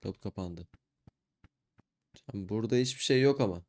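A young man quietly talks his way through a horror game, keeping his voice low and muttering. He reads each line of dialogue aloud in a flat, even tone as he plays. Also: normal speed. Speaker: gaming YouTuber. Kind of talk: let's play commentary, reading dialogue aloud.

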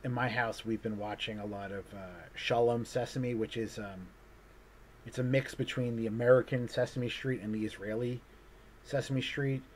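A man's voice: mid-range voice, fairly even intonation, moderate pace, slight background noise. A man, an artist, chatting casually over a video call, rambling and hesitant with lots of fillers and restarts. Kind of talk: casual conversation.

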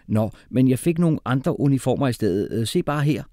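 A man's voice: mid-range voice, lively intonation, mellow, no room sound, clean studio sound, voice pushed up, lightly acted. A man voicing a muddled, cheerful uncle who hesitates a lot. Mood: bumbling. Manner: hesitant, lots of "øh".

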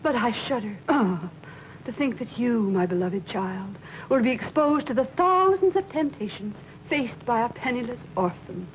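A woman's voice: fairly high pitch, animated, moderate pace, slight background noise, natural voice. A woman playing a mournful melodrama widow. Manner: florid, mournful stage declaiming. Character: sentimental widowed mother in an old melodrama. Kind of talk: mock temperance melodrama acting. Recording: dull lo-fi old recording. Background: loud ukulele music.

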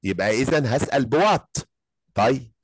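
Egyptian guy teaching english, says phrases real slow then rattles off the explanation, dry close sound. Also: mid-range voice, husky, no echo. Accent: Egyptian Arabic. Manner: lively, drills phrases slowly then explains fast. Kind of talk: online English lesson.

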